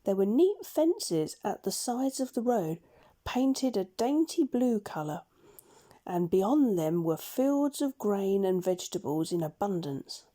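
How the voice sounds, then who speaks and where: Narrating a scripted children's story, a storybook reader in a mid-range female voice keeps her delivery measured and expressive, the way a storyteller would.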